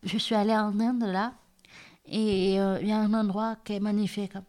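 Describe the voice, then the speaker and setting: Hard-of-hearing woman, southern French accent, halting interview answers, mid-pitched. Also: flat delivery, warm tone. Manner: hesitant, many fillers and restarts. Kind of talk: casual interview.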